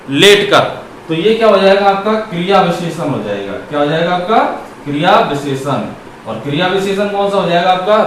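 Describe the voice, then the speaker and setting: High-voiced man teaching grammar in an echoey room. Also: a bit bright. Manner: asks questions and answers them himself; drags out words when dictating examples. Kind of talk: classroom grammar lesson. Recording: echoey room with faint noise.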